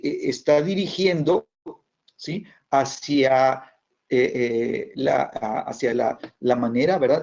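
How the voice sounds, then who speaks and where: Male bible teacher, husky, halting delivery with constant fillers, dull lo-fi church recording. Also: mid-range voice, a little mellow. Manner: halting, many fillers and tag questions.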